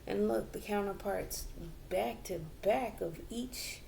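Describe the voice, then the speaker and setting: Female tarot reader, unhurried and musing, heavy vocal fry, faint background hiss. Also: medium pitch, steady tone, warm tone. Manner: slow and reflective, with many fillers and restarts. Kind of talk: tarot reading for viewers.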